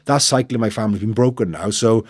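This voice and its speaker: Fast-talking middle-aged South Wales man. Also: fairly low pitch, a little mellow, husky, no room sound. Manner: earnest, repeats phrases, quotes conversations. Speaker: interview guest, motivational speaker. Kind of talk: candid personal storytelling in an interview.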